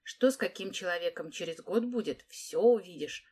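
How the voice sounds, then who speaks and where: A woman voicing a sly, bossy teenage girl in an orphanage, talking in quick, mocking patter for an audiobook. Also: fairly low pitch, darkish tone, husky. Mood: coaxing.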